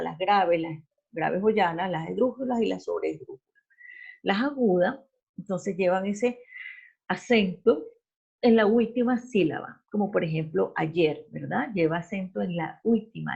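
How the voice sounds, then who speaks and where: A woman's voice: medium pitch, creaky, breathy edge. A woman teacher giving a class, explaining step by step, repeating herself and correcting herself often. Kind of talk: online class lecture. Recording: dull lo-fi recording.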